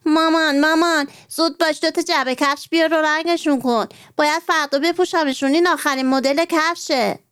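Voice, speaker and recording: Brief: eager little schoolgirl in a children's storybook, high and bright, as a woman narrator puts her on. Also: clean tone, no room sound, studio quality, lightly acted. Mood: excited. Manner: excited, pleading. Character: lively young schoolgirl, eager to follow fashion.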